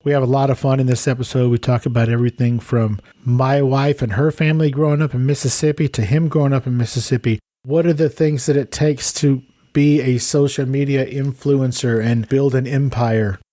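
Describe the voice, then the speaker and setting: A man's voice: mid-range voice, fairly even intonation, a little fast, hardly any pauses, warm tone. A middle-aged man from Texas hosting a podcast, chatty and self-interrupting, calling his guest "man" and "dude". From San Antonio, Texas. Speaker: podcast host. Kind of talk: casual podcast interview and intro.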